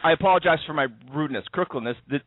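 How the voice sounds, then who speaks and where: A man's voice: on the high side, rapid-fire. A man hosting a podcast in casual chat, rambling with lots of fillers and restarts. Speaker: podcast host. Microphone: internet call over wireless. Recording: tinny Skype call audio.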